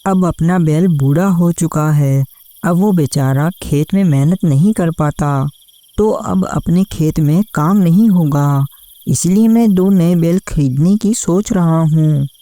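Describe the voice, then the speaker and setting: In a scripted cartoon story, a woman voices a hardworking, kind-hearted farmer husband, speaking earnestly and plaintively. Her voice is low, slow and mellow, with no room sound and music playing in the background.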